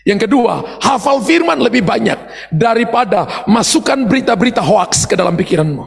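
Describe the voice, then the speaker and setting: High, gravelly Indonesian pastor preaching. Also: male voice, big pitch swings, normal speed. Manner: impassioned preaching, rising to shouts. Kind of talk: sermon. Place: large church hall. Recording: long church hall reverb.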